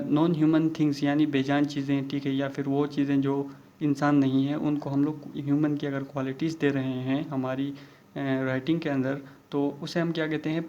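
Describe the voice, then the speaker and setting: A male teacher talks through a lesson in a slightly high, level voice with little rise and fall. He mixes English terms into his Hindi-Urdu explanation and reads English example sentences slowly. The recording sounds dull and lo-fi. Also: mellow. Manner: keeps repeating "okay" as a check-in.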